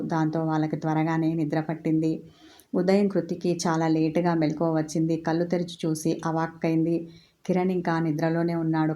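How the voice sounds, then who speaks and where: Brief: woman storyteller, low and flat, reading a serial romance steadily.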